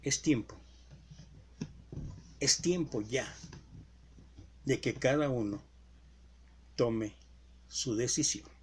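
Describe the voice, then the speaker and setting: Man, preacher, sermon, slow deliberate delivery, emphatic questions. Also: medium pitch, slight background noise.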